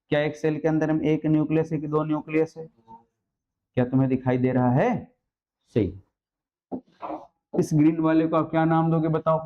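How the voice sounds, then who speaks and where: Man, biology teacher, classroom lecture, coaxing, quizzes students, raised pitch, muffled lo-fi audio. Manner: calls students "beta" and "mere lal".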